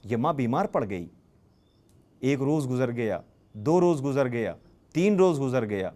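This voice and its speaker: A man's voice: medium pitch, animated, mellow. A man giving an emotional religious sermon, telling a story with dramatic rises on key phrases. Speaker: religious speaker.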